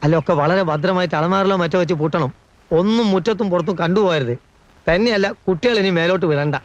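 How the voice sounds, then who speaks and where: A meddling middle-aged gossip, played by a man, spreads alarm and lectures in a fussy, high voice. The film dialogue is dry and close. He fusses like a worried servant of the house. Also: quick pace, no echo, natural voice. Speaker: servant-like relative in a comedy film.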